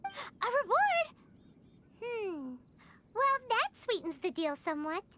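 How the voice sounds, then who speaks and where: Squeaky, cheeky little fairy companion. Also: female voice, very animated, takes it slowly, sharp tone, slight background noise, exaggerated voice. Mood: greedy, interested. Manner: blunt, teasing, refers to self by name. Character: tiny childlike floating fairy companion, cheeky and chatty. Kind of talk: animated game character acting.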